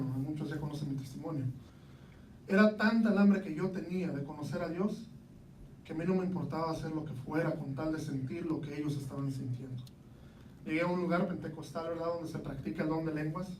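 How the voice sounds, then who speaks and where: A man's voice: fairly high pitch, a little mellow, a little hiss or hum. A man with a Mexican accent preaching a sermon in a conversational way, often asking the congregation rhetorical questions. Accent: Mexican Spanish. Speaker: lay preacher. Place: church hall. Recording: roomy hall from a distance.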